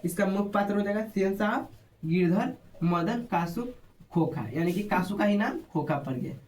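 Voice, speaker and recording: In a Bihari Hindi accent, a high-pitched man teaches an exam-prep lesson at a moderate pace, over a faint hiss or hum. He keeps testing his students with short questions and going back over the answers.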